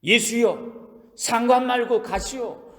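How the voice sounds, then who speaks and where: A preacher putting on mocking, bargaining demons. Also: male voice, very high voice, slow pace, a bit bright, pitched above the performer's own voice, exaggerated voice. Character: scornful demons bargaining with Jesus. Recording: long reverb of a large hall.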